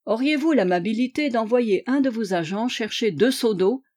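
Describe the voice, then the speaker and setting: A woman's voice: a little high, lively intonation, moderate pace, a little mellow. A woman voicing Sherlock Holmes as a shrewd, playful male detective in an audiobook, courteous and wry. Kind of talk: audiobook character reading.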